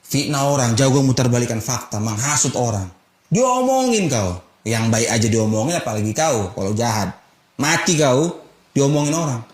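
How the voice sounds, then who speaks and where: A man's voice: medium pitch, moderate pace. A man delivers a sermon from a church pulpit. He is blunt and emphatic, firing rhetorical questions at the congregation. His mid-range voice rings out with noticeable room echo. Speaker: pastor. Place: church sanctuary.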